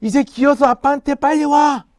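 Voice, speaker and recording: A man voicing a frantic father who shouts urgent warnings to his young son in a children's story. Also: very high-pitched, normal speed, dry recording, studio quality, voice pushed up. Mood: urgent shouting.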